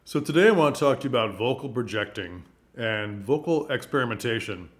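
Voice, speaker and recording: A man talks straight to camera in a casual vlog, speaking into a microphone. His delivery is emphatic and expressive, and he leans hard on key words. His pitch sits in an ordinary middle range for a man. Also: a little fast. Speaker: vlogger and performing arts commentator.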